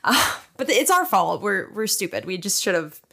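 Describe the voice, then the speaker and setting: A young woman co-hosting a podcast, telling an animated story with swearing and frequent laughter. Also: medium pitch, normal speed, gravelly, a little hiss or hum. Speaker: podcast co-host. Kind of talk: casual chat.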